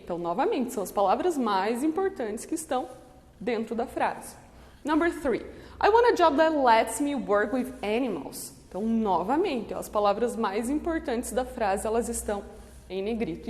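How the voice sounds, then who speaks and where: A woman's voice: sits high, a little mellow. Lady teaching english, voice bouncing up and down a lot, long echo trailing off. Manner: switches between English and Portuguese, checks in with "okay?". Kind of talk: classroom lesson explanation. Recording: long reverb.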